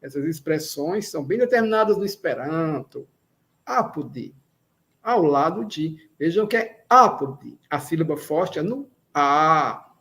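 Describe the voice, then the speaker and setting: A Brazilian man teaching an Esperanto lesson, explaining patiently and repeating example sentences slowly. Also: on the high side, animated, a bit bright. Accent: Brazilian Portuguese. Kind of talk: slow classroom explanation.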